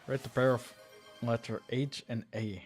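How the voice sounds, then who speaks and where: A man hosting a coding stream who talks to his chat in an unhurried, easygoing way. He chuckles often and lets sentences trail off while he clicks around. His speech is slow and laid back. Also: mid-range voice, fairly even intonation, soft background music. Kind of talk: relaxed live-stream chat.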